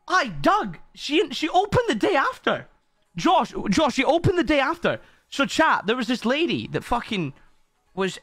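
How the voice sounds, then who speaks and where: Guy live streaming, high lively voice, swears a lot, dry sound. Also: no room sound. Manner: swears often, chats to viewers. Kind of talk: casual live-stream chat.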